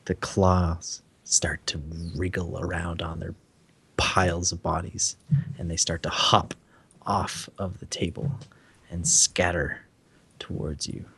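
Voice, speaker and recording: A man narrating a tabletop game as dungeon master, in a relaxed and playful way. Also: deep voice, takes it slowly, vocal fry, breathy edge.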